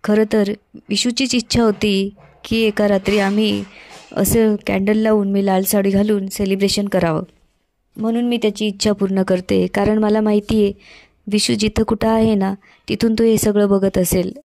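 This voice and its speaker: A scheming young woman from a TV serial, a villainess who plots with quiet menace, as a woman narrator reads her lines. The voice stays level and flat, with a mellow, dark tone. The sound is close and dry. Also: mid-range voice, normal speed, no room sound, natural voice. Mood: frightened. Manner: read in the narrator's own even voice.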